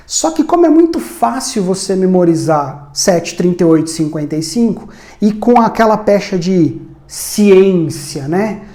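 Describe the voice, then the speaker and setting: A man gives a conversational lesson, asking rhetorical questions as he goes. His voice is mellow and warm. The recording is roomy, with a noticeable echo. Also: high-pitched. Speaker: communication instructor. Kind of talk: educational explainer video.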